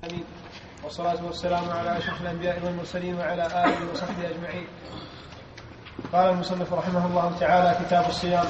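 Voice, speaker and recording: A man reads hadith aloud in classical Arabic, high-pitched and almost entirely monotone. The recording is echoey and distant, with a muffled edge and faint noise. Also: rapid-fire. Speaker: student reader of religious texts. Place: large mosque.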